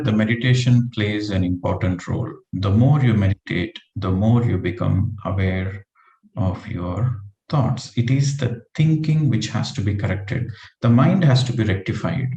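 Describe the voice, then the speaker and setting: A man with a warm, mellow voice gives a meditation teaching talk. He explains patiently, reaching for everyday examples. The sound carries a noticeable room echo. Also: on the low side. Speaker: spiritual teacher.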